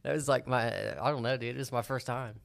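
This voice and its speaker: A man's voice: medium pitch, fairly even intonation, a little fast, gravelly, a bit bright, dry recording. A man from the Midwest co-hosting a podcast, talking in a laid-back, joking and slangy way. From American Midwest. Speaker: podcast co-host. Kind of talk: casual podcast chat.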